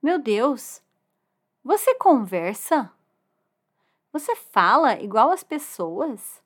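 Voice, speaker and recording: A woman's voice: high voice, sing-song, extremely slow, breathy edge, pitched above the performer's own voice, heavily acted. A woman voicing a frightened, curious little boy in a storybook tale. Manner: frightened, pleading, wide-eyed.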